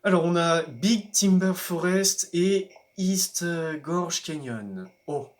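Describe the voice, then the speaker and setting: A male gaming YouTuber does let's-play commentary in a slow drawl, playful and excitable as he talks to rival drivers. He bursts into high yelps, with faint game music behind him.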